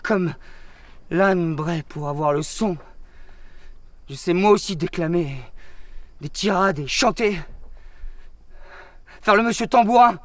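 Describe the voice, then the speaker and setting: An actor playing a loyal, exasperated squire in a theatrical, declamatory, hammy stage manner. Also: male voice, high voice, slow pace, pauses often, fairly bright tone, no room sound. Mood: proud, declamatory. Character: loyal, exasperated squire Sancho, pleading with his master. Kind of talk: theatrical stage dialogue in French.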